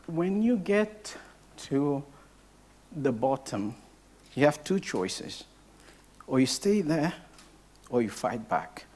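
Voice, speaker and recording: Speaking to a live audience at a training event, a young adult from Portugal whose first language is Portuguese shares his personal story as a case study. He's hesitant, with lots of filler sounds and restarts, and his voice runs on the high side and a little mellow.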